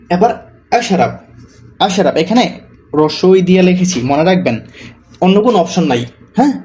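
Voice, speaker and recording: Man teaching word by word, slightly higher voice. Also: a little mellow, a little hiss or hum. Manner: slow, repeats each example word. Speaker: Arabic teacher. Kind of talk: explaining a course PDF.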